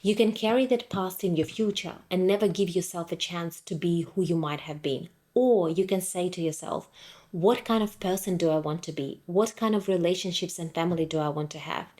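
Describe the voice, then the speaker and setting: A woman's voice: fairly low pitch, moderate pace, a little mellow. A woman in her thirties from Ukraine giving a firm, direct, scripted motivational talk to her followers. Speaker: motivational vlogger.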